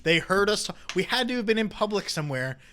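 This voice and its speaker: A man's voice: high voice, very animated, quick pace, a crowd in the background. A man, co-hosting a casual podcast, laid-back and swearing casually. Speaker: podcast co-host. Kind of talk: casual chat.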